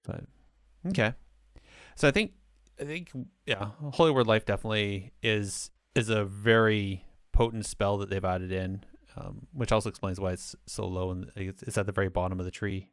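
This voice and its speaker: A man's voice: fairly low pitch, moderate pace, clean tone, dry recording, studio quality. A man hosting a casual gaming roundtable, easygoing and full of fillers as he steers the talk. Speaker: podcast host.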